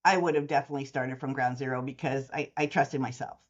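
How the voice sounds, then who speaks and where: A woman's voice: a bass voice, fast, slightly rough, dull audio. A woman in her sixties, a mortgage services company owner, talking in a long-form interview and acting out the voices of people in her stories. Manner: animated storyteller who acts out quoted dialogue.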